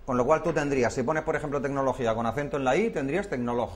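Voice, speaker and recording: A man's voice: mid-range voice, racing. A man teaching a hands-on workshop class, explaining step by step and often checking in with his listeners. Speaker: workshop instructor.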